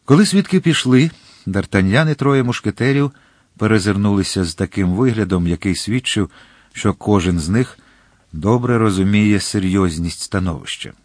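A man narrating an audiobook in a steady, expressive reading. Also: lowish voice, moderate pace, dry recording, studio quality.

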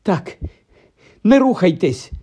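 Man voicing a shrill know-it-all schoolgirl. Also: expressive, moderate pace, warm tone, muffled recording. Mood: shrill fussy. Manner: high squealing, flustered.

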